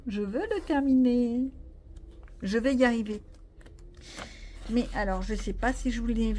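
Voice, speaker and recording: A woman's voice: fairly high pitch, dark tone, slight background noise. A woman vlogging casually about her coloring pages, rambling and joking at herself with lots of fillers. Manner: chatty, rambling, self-mocking, many fillers. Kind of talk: casual chat.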